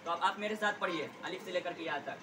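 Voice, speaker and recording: A man's voice: sits high, fast. A man teaching Quran letter reading, leading a class in call-and-response drills and patiently correcting pronunciation. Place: classroom full of children. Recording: distant mic, loud classroom chatter and noise.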